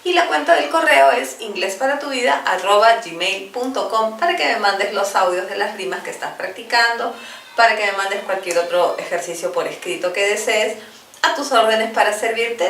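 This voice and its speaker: Lady teacher going slow over rhymes, sounds a bit far from the mic, roomy echo. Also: mid-range voice, fairly bright tone, a little hiss or hum. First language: Spanish. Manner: slow, deliberate recitation of rhymes for repetition. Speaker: English teacher. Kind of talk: online English lesson.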